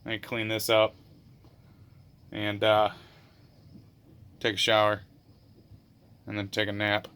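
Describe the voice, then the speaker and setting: A man sailing alone, talking casually to the camera from his boat's open cockpit in a slangy, joking manner, hamming up mock sales pitches. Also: completely flat delivery, slow pace, long pauses, sharp tone, clear, resonant tone. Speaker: solo sailor and vlogger. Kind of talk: casual vlog talk to camera. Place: open cockpit of a sailboat on a lake.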